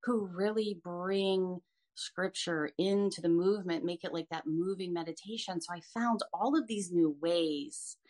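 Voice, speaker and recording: Woman, fifties, slightly low voice, earnest guest sharing a personal faith story. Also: measured pace, darkish tone. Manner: earnest, frequent restarts. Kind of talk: personal testimony in an interview.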